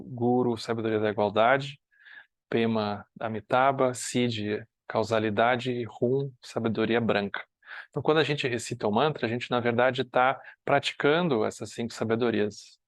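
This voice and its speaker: Male teacher, northern Brazilian accent, mid-pitched voice, dry close recording, easy conversational delivery. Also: no room sound. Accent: Brazilian Portuguese, northern (uses "tu"). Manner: conversational, often asks "né?", with dips to soft quiet asides. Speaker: Buddhist study group teacher. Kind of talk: relaxed spoken teaching talk.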